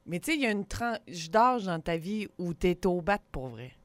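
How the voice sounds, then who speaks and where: A woman's voice: on the low side, sing-song, normal speed, dry recording. Québécois woman in her 30s, blunt candid co-host, dry close mic. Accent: Québécois French. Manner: frank, candid, emphatic. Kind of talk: casual talk show chat.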